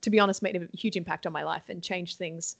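A young adult woman from Sydney with an Australian accent appears as a nun guest in a casual interview, chatting cheerfully, laughing often and saying "um" a lot. Her voice sits on the low side, steady and fast, with vocal fry. The recording is dry.

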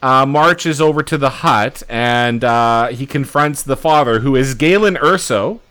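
A man's voice: medium pitch, unhurried, a bit bright, clear, resonant tone. A man co-hosting a casual movie review chat, recapping scenes in a laid-back way with fillers and casual swearing. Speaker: podcast co-host.

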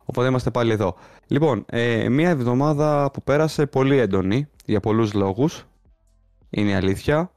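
A man's voice: medium pitch, a little mellow, dry recording, clean studio sound. A man with a mainland Greek accent hosting a podcast in casual chat. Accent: Greek, from Greece. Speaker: podcast host.

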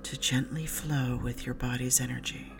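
A woman narrating a sleep story as a guided relaxation, in a soothing, hushed, breathy voice that often softens into a whisper. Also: extremely low pitch, fairly even intonation. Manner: soothing, hushed, breathy delivery with soft whispery phrase endings. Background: slow music with drum beat.

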